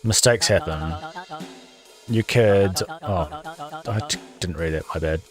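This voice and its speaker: A man reading aloud the lines of a smooth-talking, evasive middle-aged man in a coaxing way. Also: low-pitched, slow. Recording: game music playing behind.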